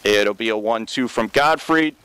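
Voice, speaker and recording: Calling a college baseball game on radio, a young man keeps his play-by-play smooth and measured, though his voice jumps up in pitch at the big moments.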